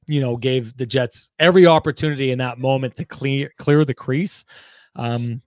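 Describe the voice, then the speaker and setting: A man's voice: medium pitch, steady tone, moderate pace, darkish tone, no room sound, studio quality. A man, hosting a casual sports podcast over a video call and reading sponsor spots. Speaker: podcast host. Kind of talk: casual sports chat with ad reads. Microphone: handheld mic on video call.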